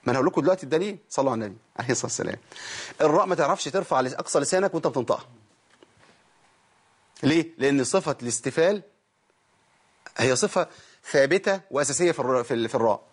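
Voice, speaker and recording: On a televised tajweed lesson, a tired man with an Egyptian Arabic accent teaches Quran recitation, explaining step by step, demonstrating sounds and questioning his viewers. His husky voice sits at a medium pitch. He speaks in an animated, rapid-fire way and pauses often.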